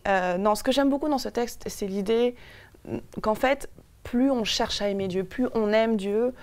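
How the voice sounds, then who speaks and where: A woman's voice: on the high side, unhurried, darkish tone. A young woman from France, a guest in a TV studio interview, speaking thoughtfully with many hesitations and restarts on a lapel mic. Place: TV studio set.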